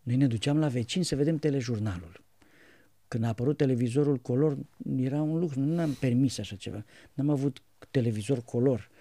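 A man's voice: medium pitch, dark tone, no echo. A man, an Orthodox priest, earnestly telling his life story with rambling restarts.

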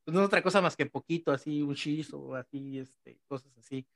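Middle-aged man with a Mexico City accent, fairly high voice, animated talker who acts out little scenes in other voices. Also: brisk, creaky. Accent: Mexico City Spanish. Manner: animated, acts out quoted dialogue. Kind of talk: casual conversation.

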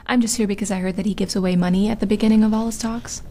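A woman's voice: medium pitch, fairly even intonation, very fast, dark tone, slight background noise, natural voice. An actress playing a rude, greedy woman who snaps and complains at everyone around her. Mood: scornful. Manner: snappy, scornful complaining. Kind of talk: scripted skit acting.

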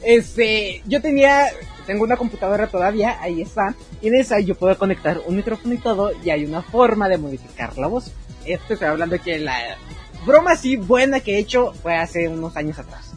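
A man, a guest on a podcast, telling stories in a relaxed way full of fillers and chuckles. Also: sits high, a little fast, soft background music. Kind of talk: casual storytelling chat.

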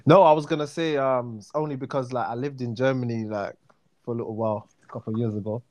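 A man's voice: mid-range voice, fairly even intonation, fast, darkish tone, no echo. A man with a South London accent chatting casually in a laid-back, slangy way, dropping in bro and man. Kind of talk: casual chat.

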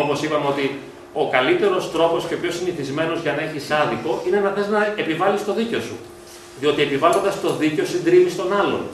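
A man with a slightly high voice gives a reflective lecture to parents and often asks them rhetorical questions. He is recorded from a distance in a school hall with heavy echo. Faint noise sits under his voice. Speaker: psychologist. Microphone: distant from the mic. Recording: echoey hall from far off.

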